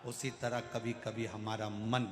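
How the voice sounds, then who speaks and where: A man's voice: on the low side, little pitch movement, slow pace. A man giving a devotional sermon and telling a folk tale. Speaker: religious storyteller. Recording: echoey hall with faint music.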